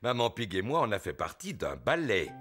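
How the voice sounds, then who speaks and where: A man voicing an easygoing, good-natured father pig with a booming voice in a children's cartoon. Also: very animated, moderate pace, over music. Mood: jovial. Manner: chuckling, good-natured, patient. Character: jovial daddy pig, easygoing middle-aged father.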